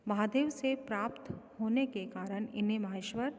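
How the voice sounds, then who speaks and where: A woman teaching Sanskrit grammar to students, speaking slowly and deliberately and spelling out syllables one by one. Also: medium pitch, a little mellow. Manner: addresses students directly. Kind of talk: recorded grammar lecture. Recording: long reverberant room echo.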